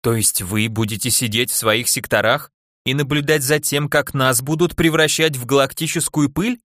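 A man voicing an indignant, quick-tempered young woman officer in an audiobook, speaking in a raised voice and exclaiming often. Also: mid-range voice, a bit bright, no room sound, clean studio sound, natural voice.

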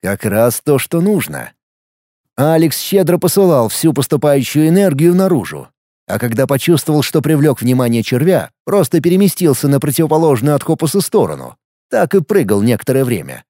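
A man giving expressive scripted narration of a fantasy audiobook. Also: on the high side, a little fast, no room sound, studio quality.

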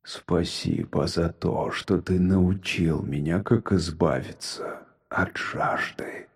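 A man voicing an unseen male spirit in a muffled, slow, drawn-out whisper, read in an audiobook story. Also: deep voice, slightly rough, voice pushed down, exaggerated voice. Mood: eerie.

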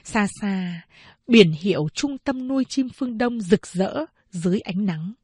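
Woman audiobook narrator, slow and measured, dry close sound. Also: mid-range voice, animated, dark tone, husky, no echo. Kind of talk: scripted narration of a novel.

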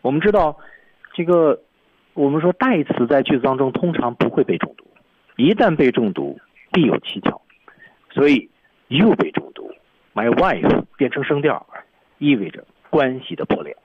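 A man's voice: medium pitch, big pitch swings, moderate pace, breathy edge, no echo, phone-quality sound. A man teaching English on a radio lesson, breaking down each English line by its stressed words and tones. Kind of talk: explaining film dialogue on a radio lesson. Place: radio studio.

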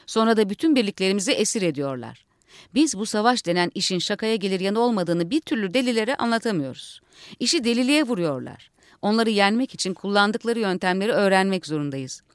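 A woman reading a satirical story aloud for radio, acting out the shouting crowd as she goes. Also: medium pitch, expressive, fairly quick, no room sound, studio quality. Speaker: reader. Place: radio studio.

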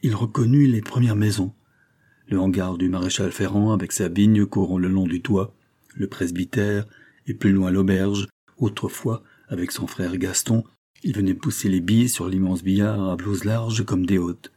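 A man narrates a classic novel in a measured, even storytelling manner. His voice sits low, with a dark, mellow, husky tone. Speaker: audiobook reader.

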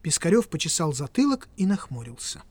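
A woman narrating a story in a measured audiobook reading. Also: low-pitched, sing-song, darkish tone, slightly rough, no echo.

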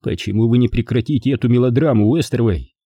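A man reading a first-person crime story in an animated storytelling way. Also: mid-range voice, fast, dry recording, clean studio sound. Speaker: audiobook narrator. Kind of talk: first-person audiobook narration.

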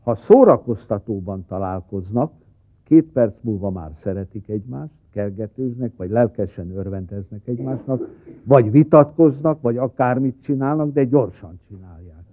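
A man speaks a wry, deadpan satirical monologue at an even middle pitch. The sound is thin and tinny, like an old cassette. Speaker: comedy writer.

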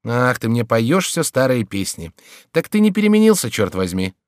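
A man's voice: mid-range voice, very animated, normal speed, no echo, clean studio sound, natural voice. A man voicing a sardonic male court jester who teases and scolds a king in an audiobook. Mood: mocking.

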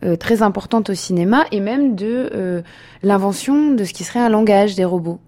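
Mellow-voiced female interviewer. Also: mid-range voice, moderate pace. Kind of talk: radio documentary interview.

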